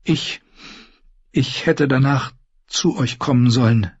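Timid young noble girl, high and pleading, voiced by a male audiobook narrator, dull dry recording. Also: slow, a little mellow. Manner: hesitant, pleading, breathy high voice. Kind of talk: audiobook character voice.

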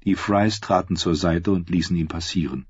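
A man narrating an audiobook in a measured, steady reading style. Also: deep voice, slightly rough. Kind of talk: scripted narration. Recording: dry, dull audio.

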